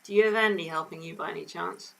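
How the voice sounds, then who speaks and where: A woman's voice: on the low side, fast, creaky, low-quality recording. A woman co-hosting a casual home quiz, making brief remarks and reading questions.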